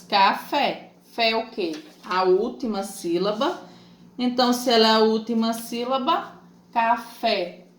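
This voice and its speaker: Brazilian woman teacher, slow and patient, slightly high voice, echoey room with faint noise. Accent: Brazilian Portuguese. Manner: slow, patient, spells out letters and syllables. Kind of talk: online lesson for children.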